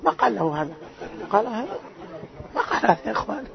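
A loud-voiced man teaching a religious lesson as a sheikh, quizzing his listeners with rhetorical questions. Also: high-pitched, sing-song, fast, creaky, a crowd in the background. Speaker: sheikh teaching a hadith class. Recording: dull lo-fi lecture recording.

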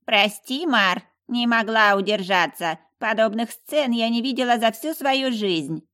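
A woman voicing a sharp-tongued female talking owl with horns in an audiobook, loud and mocking. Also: a little high, expressive, unhurried, pitched above the performer's own voice. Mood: teasing. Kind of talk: audiobook character voice.

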